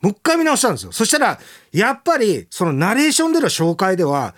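A man's voice: high voice, wildly swooping pitch, quick pace. A male radio host chatting casually and reading listener mail, telling stories animatedly and chuckling often.

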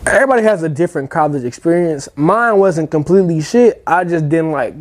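Man, 20s, from the US: fairly high voice, emphatic profane slang, casual group talk. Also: lively intonation, brisk.

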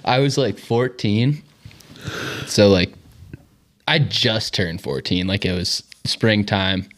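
A man's voice: on the low side, takes it slowly, fairly bright tone. A man from Boston, a podcast co-host, telling a story casually, laughing and swearing often. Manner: laughs through his own story, swears freely.

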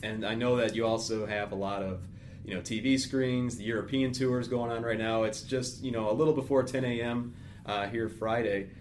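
There's a slight hiss or hum behind this mid-range, darkish male voice, which keeps a fairly even intonation at a normal pace. The speaker, a Midwestern American in his thirties, hosts a golf podcast from an office huddle room, casually interviewing and doing sponsor reads amid frequent fillers and restarts.

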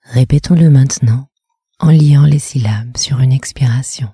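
Woman, meditation guide, low mellow voice, half-whispered, dry close sound. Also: slightly rough, dry recording. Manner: soft, half-whispered, measured delivery.

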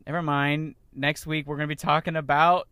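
A young man co-hosting a podcast in casual chat, relaxed and laughing, sometimes trailing off quietly. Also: fairly high pitch, a little fast, clean tone, no room sound. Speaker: podcast co-host.

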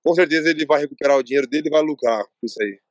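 A man's voice: fairly high pitch, very fast, dry recording. Brazilian man telling stories in casual chat. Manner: rambling storytelling, acts out quoted dialogue. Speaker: podcast guest, fighter.

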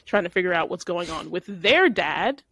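A woman's voice: lowish voice, expressive, normal speed, a bit bright, breathy edge, no echo. A woman hosting a casual podcast, recapping episodes, often laughing and restarting her phrases. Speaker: podcast host.

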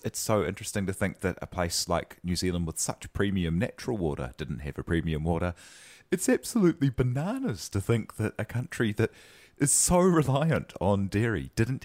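Male host, low pitch, animated intonation, enthusiastic, emphatic. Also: moderate pace, few pauses. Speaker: podcast host. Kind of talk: conversational interview.

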